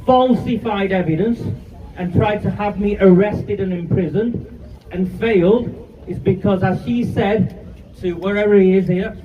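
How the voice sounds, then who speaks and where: A man's voice: high voice, unhurried. Angry fifty-year-old man addressing a rally. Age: 50s. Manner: angry, defiant and declamatory. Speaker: rally speaker. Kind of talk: outdoor protest speech. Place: outdoors at a street demonstration. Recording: distant, muffled live-stream audio with loud noise.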